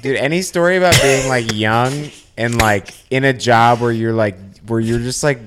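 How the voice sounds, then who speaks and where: A podcast co-host musing in a loose, drawn-out way during casual chat. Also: male voice, medium pitch, music in the background.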